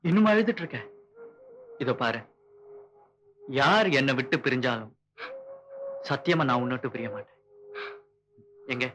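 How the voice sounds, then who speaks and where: An actor playing a young son who calmly defies his father and comforts the woman he loves. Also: mid-range voice, moderate pace, pauses often, slight background noise. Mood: tender. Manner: quiet, firm, reassuring. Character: young man, devoted son in love, calm and firm.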